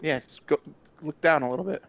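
A man's voice: fairly high pitch, a little fast, vocal fry, fairly bright tone. A man co-hosting a podcast, rambling and hesitating casually, laughing often during a fantasy draft. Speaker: podcast co-host.

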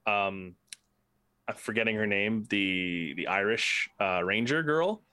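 Low-voiced man, rambling and casual. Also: takes it slowly, pushed and bright, clear, resonant tone, no room sound, clean studio sound. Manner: rambling, swears freely, many restarts. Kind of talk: casual podcast chat.

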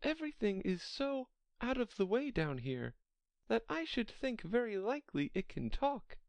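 Very high little girl storybook voice, polite n chatty, swoops all over, bit rambling. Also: very animated, normal speed, vocal fry, a little mellow, dry recording. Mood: wondering. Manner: earnest, rambling, apologetic. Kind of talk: children's storybook character voice.

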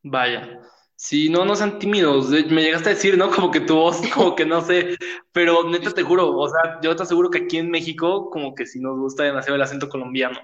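A man's voice: on the high side, brisk, a bit bright, dull audio. A young man with a Mexico City accent hosting a casual podcast, slangy and laughing often. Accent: Mexico City Spanish. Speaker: podcast host.

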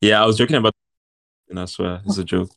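Deep voiced guy hosting a football pod, jokey, laughs a lot, dry close sound. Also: fairly even intonation, quick pace, creaky, fairly bright tone, no echo. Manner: joking, laughs often. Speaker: podcast host. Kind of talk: casual football podcast chat.

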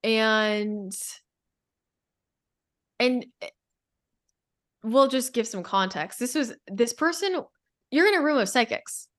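A woman's voice: fairly high pitch, expressive, slow pace, long pauses, fairly bright tone. A woman in a casual spiritual podcast conversation, telling a long story in a rambling way with many restarts.

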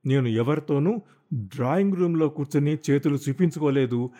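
A man voicing an exasperated, worn-out husband who snaps back in sharp, defensive retorts in an audiobook. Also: fairly high pitch, fairly quick, lightly acted. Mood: shouting. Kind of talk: audiobook character voice.

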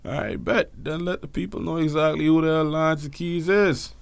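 A man's voice: fairly high pitch, steady tone, normal speed, gravelly, clear, resonant tone, no echo. A man co-hosting a casual podcast, bantering in slang with playful trash talk and repeating phrases for emphasis. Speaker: podcast co-host. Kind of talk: casual banter between friends.

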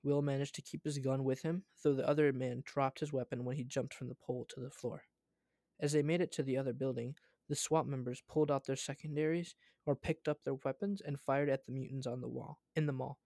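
A man's voice: medium pitch, vocal fry, warm tone, no room sound. A man reading a story aloud, often stumbling and correcting himself as he goes.

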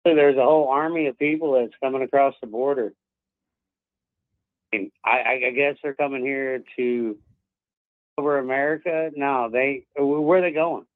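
A man's voice: medium pitch, fairly even intonation, normal speed, no echo. A man calling in to a talk show over the phone, rambling through conspiracy theories in casual chat. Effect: heard over a phone line. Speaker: caller. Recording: tinny phone line.

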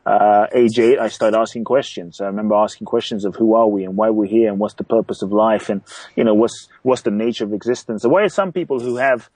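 A man from London speaks as a podcast guest, telling his life story earnestly and reflectively. His voice sits low, and the recording is dry and close. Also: brisk, darkish tone, husky, no room sound, rough recording. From grew up in London. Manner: earnest, reflective, repeats words. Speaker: guest, transformational coach. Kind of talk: interview storytelling.

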